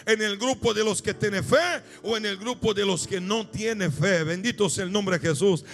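High, gravelly man preaching in sing-song. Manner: impassioned sing-song preaching, swelling to shouts. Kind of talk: sermon.

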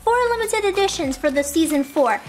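A woman's voice: high voice, lively intonation, brisk, faint music behind. A woman hosting a toy unboxing, gushing and cooing as she opens each little figure. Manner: gushing, cooing over tiny toys. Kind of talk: excited toy unboxing chat.

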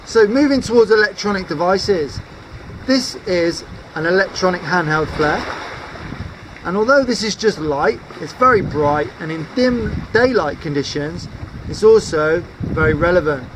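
Out on coastal rocks, a British sea kayaking instructor in his thirties demonstrates safety gear to the camera in a practical, upbeat way. His high voice is expressive and measured in pace, and the background is noisy.

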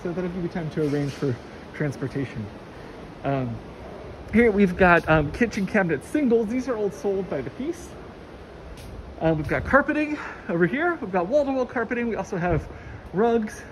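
With a lowish voice, lively intonation and normal speed, a woman chats her way through a walking tour of a large warehouse, enthusiastic and full of fillers. The audio comes from a handheld phone camera on the move, over noisy warehouse ambience.

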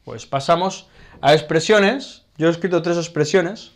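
A man from Spain with a Castilian Spanish accent who teaches Spanish vocabulary. He speaks slowly, repeats words, checks understanding with short tag questions, and writes on a board as he explains. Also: a little high, slight background noise.

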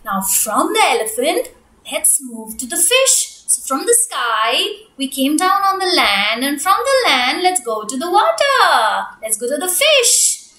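A young woman presenting like a kids show host, coaxing small children in an animated, repetitive, sing-song way. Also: high voice, measured pace. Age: young adult. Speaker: preschool storytelling teacher, kids show host. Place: small room indoors. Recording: echoey room.

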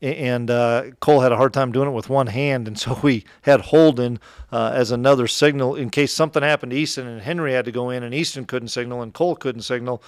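A middle-aged man with an Upper Midwest American accent, a head football coach answering press questions after a game in a relaxed, plainspoken way, with many fillers and restarts. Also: mid-range voice, brisk, smooth, dry recording, clean studio sound. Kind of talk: postgame press conference answers. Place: press room in front of a sponsor backdrop. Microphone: table mic close in front.

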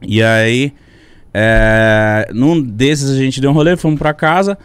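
A young man telling a story as a podcast guest, animated and slangy, with a lot of swearing. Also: medium pitch, takes it slowly, clean tone, dry recording. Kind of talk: casual storytelling. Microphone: studio podcast mic.

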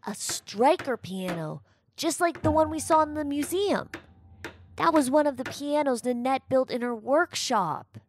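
A woman's voice: high voice, expressive, unhurried, a little hiss or hum. Eager young boy explorer, played by a woman. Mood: curious. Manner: eager, wide-eyed and full of wonder. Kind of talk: children's audio drama acting.

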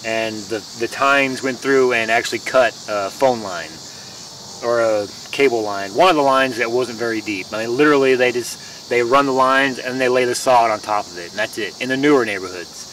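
A man's voice: mid-range voice, normal speed, a bit bright. Rambling young man filming outdoors in his yard. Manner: rambling, folksy, repeats himself with restarts. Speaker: home lawn care vlogger. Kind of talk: casual how-to talk. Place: backyard lawn outdoors. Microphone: camera mic on a tripod some distance away. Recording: distant camera mic outdoors with faint insect noise.

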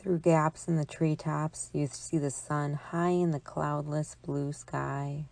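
A psychologist leading guided imagery speaks in a low, gravelly female voice, guiding a relaxation meditation very slowly. She sounds calm and soothing, with long measured pauses, recorded dry and close with little room sound.

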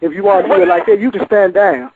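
Radio show caller, young man, combative, tinny phone line, high voice. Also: fairly even intonation, quick pace, a crowd in the background. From Arkansas. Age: 20s. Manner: combative, trash-talking. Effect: caller heard over a phone line. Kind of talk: heated call-in argument.

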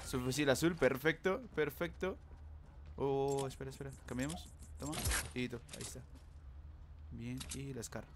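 Excitable man commenting on gameplay. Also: mid-range voice, background noise. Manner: excitable, talks to the viewers, repeats words rapidly. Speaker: gamer.

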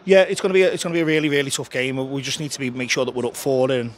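A football manager gives a frank, chatty post-match interview outdoors beside the pitch, frequently restarting his sentences. He speaks at a racing pace into a handheld interviewer mic held close.

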